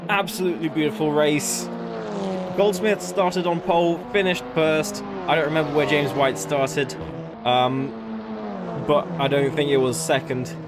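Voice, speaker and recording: A man co-hosting a race broadcast and interviewing drivers, hesitant with many pauses and restarts. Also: on the high side, steady tone, very noisy. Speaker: co-host and interviewer.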